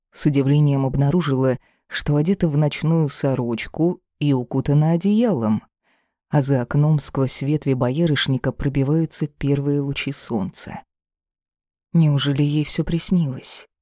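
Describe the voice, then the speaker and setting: Measured audiobook narrator. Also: mid-range voice, dark tone, no room sound, studio quality. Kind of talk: scripted narration of a fantasy novel.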